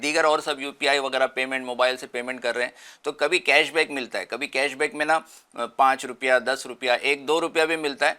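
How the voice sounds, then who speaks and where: A man talks on a religious discussion show, his voice bright and forward. He explains earnestly, piling up everyday examples to make each point. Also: mid-range voice, fairly even intonation. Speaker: guest speaker.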